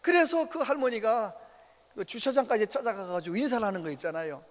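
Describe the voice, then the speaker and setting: A man preaching a sermon as pastor, telling stories with animated, acted-out voices. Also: high-pitched, a little fast. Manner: animated storytelling, acts out quoted voices. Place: church sanctuary. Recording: reverberant church hall.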